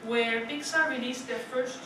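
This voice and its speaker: This is a young Dutch woman with a high-sitting voice, fairly even intonation and a measured pace, presenting a prepared speech to her club. She chats, poses questions to the room, and often adds "right?" Heard from a distance in a meeting room, the audio is echoey and noisy.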